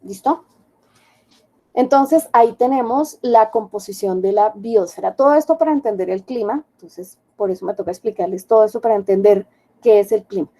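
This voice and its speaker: A woman's voice: medium pitch, lively intonation, normal speed, dark tone, rough recording. A woman teaching an online class, explaining step by step and often checking with her students. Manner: explanatory, checks understanding with questions.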